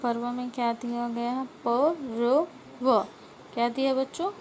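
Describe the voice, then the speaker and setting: A woman teacher speaks slowly and patiently, in a fairly high voice. She spells words out, repeats them and keeps checking with her pupils. Faint noise sits behind her. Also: darkish tone. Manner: slow, repeats words and asks the class questions. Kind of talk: grammar lesson for schoolchildren.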